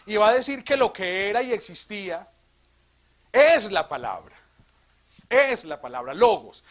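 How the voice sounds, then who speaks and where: A man from Colombia, a priest, giving an animated theology talk to a live audience, asking questions and joking. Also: high-pitched. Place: retreat hall.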